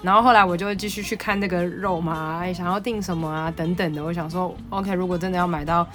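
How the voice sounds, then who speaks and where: Animated Taiwanese woman telling a story. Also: on the low side, fast talker, soft background music. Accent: Taiwanese Mandarin. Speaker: podcast host. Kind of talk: casual storytelling monologue.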